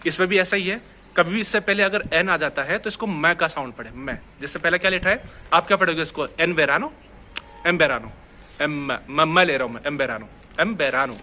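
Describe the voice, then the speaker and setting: Bright-voiced man teaching. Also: a little high, fast, a little hiss or hum. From India. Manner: explains patiently, repeats words, asks "ठीक है?" often. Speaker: Spanish teacher. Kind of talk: casual online lesson.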